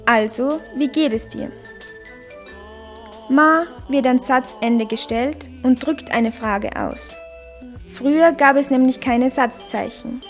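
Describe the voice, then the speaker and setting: Woman language teacher with a high voice and a slow pace. Careful, deliberate explainer. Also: soft background music. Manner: deliberate, carefully sounds out syllables and tones.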